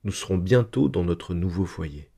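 A cheerful, confident father, read by a man speaking in a hearty, emphatic way. His voice is lowish and mellow, lifted a little above the narration. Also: animated, a little fast. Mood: reassuring. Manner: hearty, emphatic reassuring delivery.

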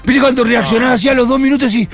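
A man with a Rioplatense accent bantering in a radio studio, telling stories in an animated way full of slang. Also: extremely high pitch, very fast, a crowd in the background. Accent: Rioplatense Spanish. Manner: animated storytelling, slang-heavy.

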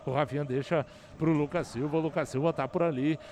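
A man giving explosive football goal commentary, excitedly shouting and stretching out key words. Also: a little high, brisk, a little hiss or hum.

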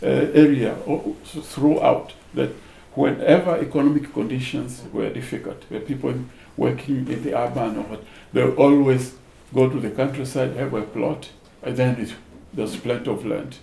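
A man giving an unscripted, thoughtful seminar answer in a hesitant, halting way, with a gravelly voice. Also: mid-range voice, steady tone, dark tone. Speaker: panel speaker. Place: seminar room. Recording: roomy echo, faint background noise.

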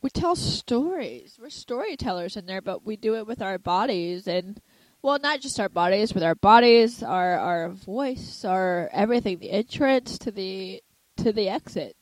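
A woman's voice: medium pitch, lively intonation, dry recording, rough recording. A woman wrestler being interviewed, chatting casually, giggly and saying like a lot. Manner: giggly, quick, says like a lot. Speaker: wrestler guest.

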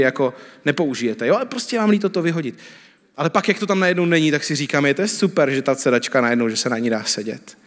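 A Czech pastor in his thirties delivers a conversational sermon in a church hall, weaving in everyday stories. His voice runs on the high side, and the room leaves a long reverb tail.

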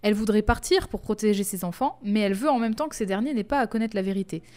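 A woman co-hosting a podcast, chatting casually and reading from her notes, quick to laugh. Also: mid-range voice. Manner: lively, quick to laugh, reads quotes in a measured voice. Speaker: podcast co-host. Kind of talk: casual chat mixed with reading notes aloud.

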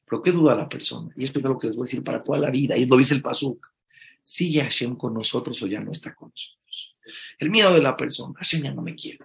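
A rabbi gives a Torah sermon in Spanish, weaving in Hebrew phrases. His medium-pitched, gravelly voice moves quickly and emphatically, swinging from soft, intimate asides to loud exclamations.

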